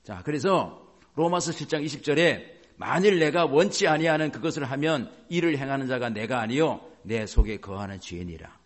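A man's voice: mid-range voice, normal speed. A male pastor preaching a sermon, acting out inner self-talk as he goes.

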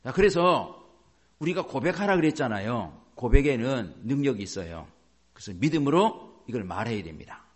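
A man's voice: medium pitch, sing-song, normal speed, slightly rough. A male pastor preaching a sermon, acting out inner self-talk as he goes.

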